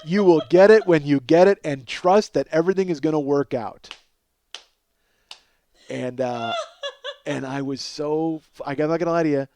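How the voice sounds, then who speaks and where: A man in his forties hosts a comedy podcast, his fairly high, darkish voice moving at a normal speed with long pauses. He tells a rambling, self-deprecating story full of profanity, acting out both sides of each conversation.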